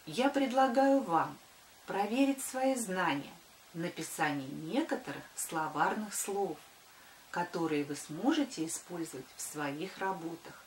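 Older woman teacher, slow and echoey. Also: lowish voice, expressive, slight background noise. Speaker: primary school teacher. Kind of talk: scripted address to pupils. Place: small wood-panelled room indoors. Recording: echoey room.

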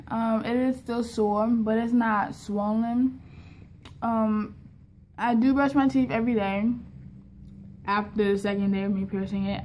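A young woman vlogging casually with plenty of swearing, her speech slightly impeded and lisping from a new tongue piercing. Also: on the high side. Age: young adult. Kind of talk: casual, profane vlog chat. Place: indoors in a kitchen. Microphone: phone at arm's length. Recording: clear background room noise on phone recording.

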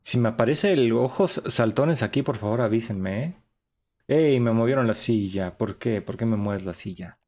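Animated and at normal speed, a young man's mid-range, darkish voice runs through chatty, upbeat commentary. The setting is a live stream of a horror game.

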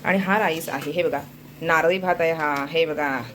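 A woman's voice: low voice, steady tone, moderate pace, fairly bright tone, a little hiss or hum. A young woman chatting casually to viewers in a home vlog, pointing things out as she goes. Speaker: vlogger.

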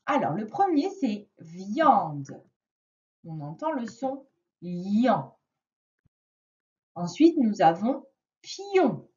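A woman teaching a reading lesson to a young child, slowly and patiently stressing each sound. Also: mid-range voice, sing-song, mellow, far from the mic, dull audio. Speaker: primary school teacher.

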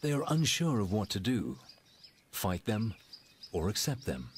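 A man with a low voice narrates a wildlife documentary. His delivery is measured and dramatic, with deliberate pauses and very varied intonation. Wild ambience and animal sounds are clearly audible behind him. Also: sing-song, a little hiss or hum.

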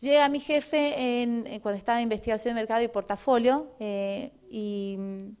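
A middle-aged woman with an Argentine accent, giving a public talk and telling personal anecdotes in an animated way with frequent "eh" fillers. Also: on the high side, moderate pace, smooth. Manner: animated storytelling, frequent "eh" fillers, acts out dialogue. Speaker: guest speaker.

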